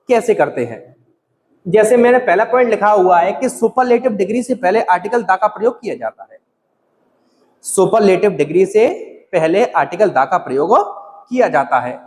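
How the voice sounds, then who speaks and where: A man teaching English grammar to students, slowing down to spell out each example sentence. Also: high voice, in a large hall, a little hiss or hum. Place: classroom with a board.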